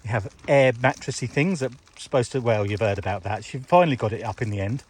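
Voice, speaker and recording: A man's voice: mid-range voice, quick pace, husky. A British man chatting casually and jokily through a camping vlog, showing off a tent. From United Kingdom. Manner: jokey, chatty, laughs often. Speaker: vlogger giving a tent tour. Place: inside a large tent at a campsite.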